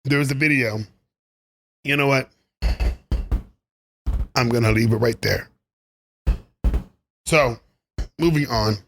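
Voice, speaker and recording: A man's voice: medium pitch, takes it slowly, pauses often, a bit bright, a little hiss or hum. A man delivering a rambling, opinionated basketball commentary monologue, laughing at his own asides. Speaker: sports commentary vlogger.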